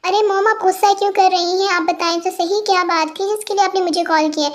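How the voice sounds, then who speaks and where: A woman's voice: very high-pitched, fairly even intonation, fast. A woman voicing a polite, easily flustered young man in a fan audio story, apologetic and placating.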